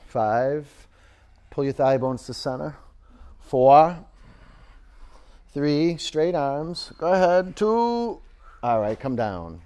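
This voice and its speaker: A man's voice: a little high, big pitch swings, slow pace, warm tone, smooth. A man working as a yoga instructor, calling out rep counts and short commands as he leads a vinyasa class.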